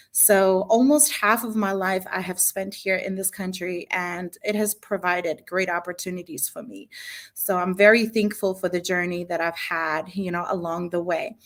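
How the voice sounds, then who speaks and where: A woman's voice: mid-range voice, fairly even intonation, moderate pace. A woman in her late thirties from Bosnia, a guest business consultant telling her story in a panel talk. She speaks earnestly and eagerly, with many fillers.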